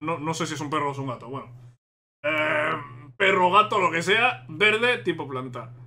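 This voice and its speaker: A man with a Spain Spanish accent, reacting excitedly to a game trailer and thinking aloud as he repeats himself. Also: fairly high pitch, normal speed, creaky.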